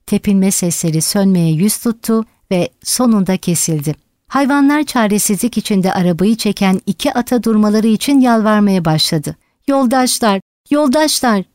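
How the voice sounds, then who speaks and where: A woman narrating an audiobook in a steady, dramatic reading style. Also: mid-range voice, no echo, studio quality. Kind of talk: scripted narration.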